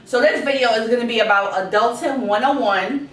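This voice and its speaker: Young female advice vlogger, Guyanese accent, conversational, slightly high pitch, roomy distant-mic sound. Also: a little fast. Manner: conversational, repeats key words for emphasis. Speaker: vlogger giving life advice. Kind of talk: informal advice vlog. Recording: echoey room, distant mic, rumbling noise.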